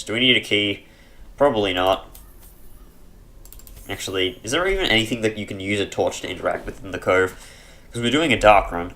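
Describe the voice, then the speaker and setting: Recording through a headset mic, a man plays a dungeon game for a let's play, offering rambling, dry-humored commentary in a low-sitting, slightly bright, chesty voice as he clears his throat.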